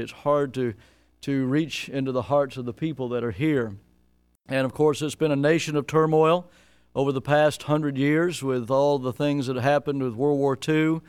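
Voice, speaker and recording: A man's voice: medium pitch, clear, resonant tone, no echo. A man, the pastor, introducing a guest missionary to his church in a folksy, joking way with frequent uh's.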